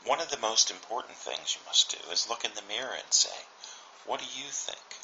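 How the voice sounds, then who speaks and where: A middle-aged man delivers a reflective daily motivational message in an unhurried, earnest way, pausing often. His voice sits very low yet comes across bright and forceful. A faint hiss of room ambience runs underneath. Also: big pitch swings, vocal fry, rough recording. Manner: earnest, unhurried, with many fillers and pauses.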